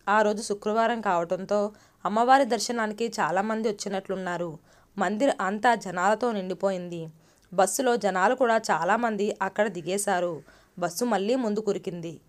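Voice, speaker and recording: A woman storyteller narrating a moral story in a steady, even reading voice. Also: medium pitch.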